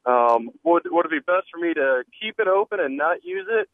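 A man's voice: on the high side, animated, normal speed, no room sound. A man calling in to a radio talk show over the phone, politely asking a question with some hesitant fillers. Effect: phone line. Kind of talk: call-in question. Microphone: telephone. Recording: tinny, dry phone line.

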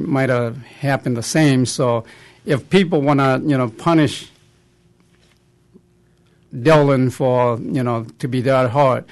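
A middle-aged or older man giving his opinion haltingly, often saying "you know". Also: medium pitch, creaky, darkish tone. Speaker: panel guest. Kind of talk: unscripted opinion in a discussion.

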